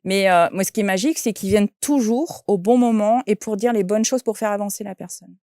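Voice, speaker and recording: A woman's voice: mid-range voice, brisk, darkish tone, dry recording, studio quality. A woman, a shaman and medium, telling an anecdote in an interview and quoting the people in it. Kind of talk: interview storytelling.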